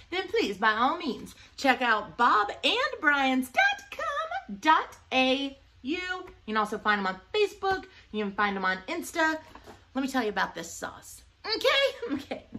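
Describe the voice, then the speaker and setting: Lively, bright-voiced woman reviewing hot sauce. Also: mid-range voice. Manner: playful, jokey, laughs often. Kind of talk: casual review vlog.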